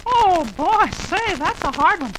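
A woman voicing a squeaky, cheerful little sidekick in an old children's radio show, eager and easily flustered. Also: lively intonation, takes it slowly, fairly bright tone, full character voice. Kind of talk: 1950s children's radio acting. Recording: noisy old radio recording.

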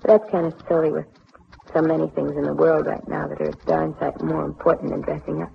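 A woman's voice: low-pitched, level tone, a little fast, creaky, slightly rough, full character voice. An actress playing an earnest, dreamy young woman with homespun, folksy speech in a 1940s radio drama. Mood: wistful. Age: young adult. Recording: dull 1940s radio recording.

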